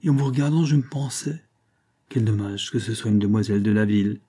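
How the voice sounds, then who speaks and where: A man's voice: on the low side, fairly quick. A man reading a novel aloud, voicing a big, kindly peasant charcoal-burner who speaks plainly and sighs. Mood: gentle, rueful. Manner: plain-spoken, gentle, sighing. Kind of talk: audiobook reading.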